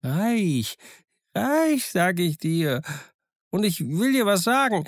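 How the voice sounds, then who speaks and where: A man voicing a childlike, excitable old castaway sailor who has gone half mad alone, in an eager, wheedling, sing-song way. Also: sits high, a little slow, no echo, studio quality, pitched above the performer's own voice. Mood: excited. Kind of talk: audiobook character voice.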